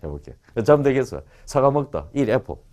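A man teaching English to a class of students, joking and firing quick questions at them. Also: mid-range voice. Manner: animated and joking, quizzes the class. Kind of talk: lively classroom lecture.

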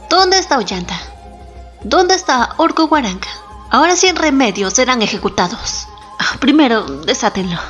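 A woman voicing a stern, commanding male Inca emperor in a solemn, authoritative tone, with soft music behind. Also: high-pitched. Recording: slightly dull, soft background music.

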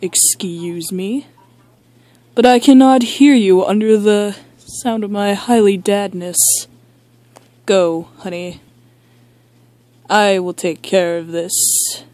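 A girl voicing a boastful, deadpan dad toy who hosts a chaotic talk show in an amateur toy skit. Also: mid-range voice, dry recording, close to an everyday voice. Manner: slow, boastful, deadpan rambling. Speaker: talk show host figure.

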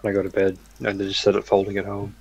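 A man's voice: fairly low pitch, monotone, racing, gravelly. A man chatting casually as a guest on a gaming stream, rambling with lots of fillers and laughing often. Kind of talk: casual chat.

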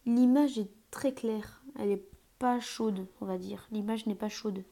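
A woman's voice: mid-range voice, fairly even intonation, measured pace, dark tone. A woman streaming live gameplay commentary through an earphone mic, hesitant with many fillers and sometimes dropping to a whisper.

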